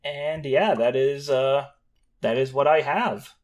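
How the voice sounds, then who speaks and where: A man's voice: medium pitch, takes it slowly. A man speaking as the game master of a tabletop role-playing game. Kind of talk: scripted scene narration, then casual chat.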